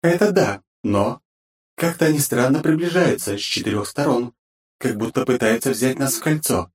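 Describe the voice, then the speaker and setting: A man's voice: mid-range voice, moderate pace, voice pushed up, natural voice. A man voicing a polite, deferential young woman assistant in an audiobook.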